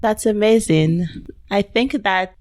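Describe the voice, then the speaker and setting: A woman hosting a podcast, introducing her guest and asking questions in a measured, clear manner. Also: medium pitch, darkish tone, dry recording, clean studio sound. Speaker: podcast host.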